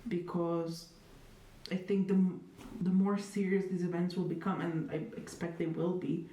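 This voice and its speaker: A warm voice on the low side belongs to a young woman from Italy who speaks at a normal speed with a flat delivery. As an interviewee in a reflective conversation, she is thoughtful, hedges a lot, uses many fillers and shows a wry, dry wit. Faint noise and room echo come through the distant mic.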